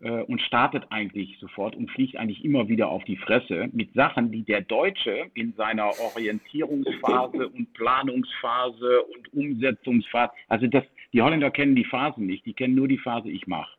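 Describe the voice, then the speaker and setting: Middle-aged guest, chatty and halting, slightly husky, thin earbud call sound. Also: male voice, mid-range voice. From grew up in the Netherlands, German parents. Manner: hesitant, lots of restarts and fillers. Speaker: podcast guest, founder. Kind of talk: casual interview chat. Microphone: Apple AirPods over an internet call. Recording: tinny phone-like call audio.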